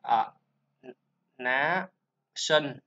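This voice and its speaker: A man with a Vietnamese accent teaching English pronunciation, drilling sounds and syllables slowly with chatty asides. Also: medium pitch, sharp tone, a little hiss or hum. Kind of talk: informal pronunciation lesson. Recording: slightly dull lo-fi sound.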